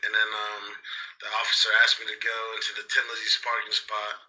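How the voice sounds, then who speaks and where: A young man in his twenties from Colombia speaks in a low, flat voice that has a bright edge. He tells his story haltingly, with lots of fillers and restarts. The sound is dull, lo-fi internet call audio. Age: 20s. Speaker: interview guest. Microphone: video call.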